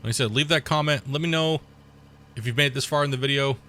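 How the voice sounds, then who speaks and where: Talking fast at a medium pitch, this gaming channel host is sick and his voice is going. He keeps up loose, wandering commentary on his own play, defines terms along the way, and gets excited whenever something goes wrong.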